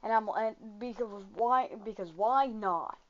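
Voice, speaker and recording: A woman hosting a casual podcast, rambling and swearing with quick asides. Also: mid-range voice. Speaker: podcast host. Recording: dull lo-fi sound.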